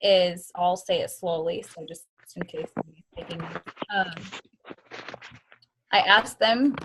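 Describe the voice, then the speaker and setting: A woman's voice: fairly low pitch, measured pace, noisy background. Earnest woman explaining on a call. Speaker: team member sharing her method. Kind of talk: casual explanation on a video call. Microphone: video call.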